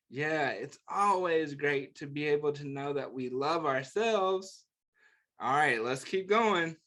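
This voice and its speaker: Story time is led by a man whose voice sits fairly high and sounds a bit bright. As he reads a picture book aloud, he pauses for easy, encouraging questions and comments suited to young children.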